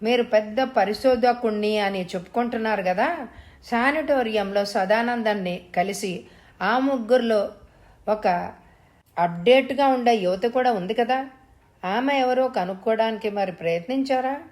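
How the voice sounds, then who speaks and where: A woman voicing a young wife who speaks quietly and wearily and turns curt and stubborn. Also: on the high side, unhurried, close to an everyday voice. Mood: questioning. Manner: quiet and weary, then curt.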